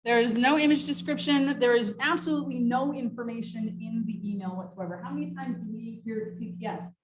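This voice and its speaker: A slightly high-voiced woman speaks briskly as she presents a workshop, partly scripted and partly off the cuff, explaining things informally. The recording is rough, with a little hiss or hum.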